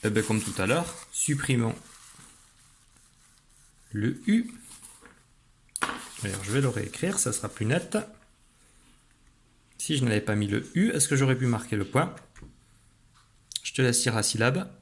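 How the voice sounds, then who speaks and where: A man's voice: medium pitch, expressive, a little hiss or hum. Patient male teacher explaining phonics. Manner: patient, clear, slow demonstrating to a child. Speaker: primary school teacher. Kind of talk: online phonics lesson.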